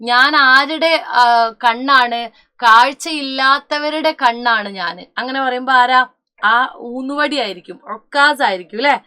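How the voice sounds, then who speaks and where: A young woman teacher with a high, bright voice gives an online lesson at an unhurried pace. She questions her students, calls them children and answers for them, mixing in English words and correcting herself now and then. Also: smooth.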